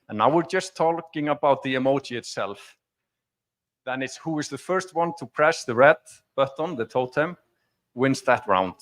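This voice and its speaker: During a technical demo talk on a conference stage, an Icelandic man addresses the audience in a mid-range voice with a fairly bright tone. He speaks informally and conversationally, explaining as he goes.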